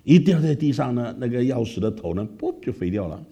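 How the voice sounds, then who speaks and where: A man from Malaysia with a Malaysian Mandarin accent, telling a lively story as a preacher and often asking listeners "right?". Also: medium pitch, fast, husky. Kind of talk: storytelling sermon.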